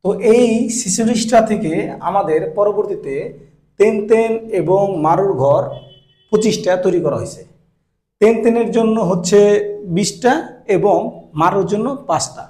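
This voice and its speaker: A male language teacher with a Bangladeshi Bengali accent, giving a slow, patient lesson and drilling syllables one by one. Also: sits high, dark tone. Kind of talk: slow classroom-style lesson, reciting syllables. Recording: echoey room sound.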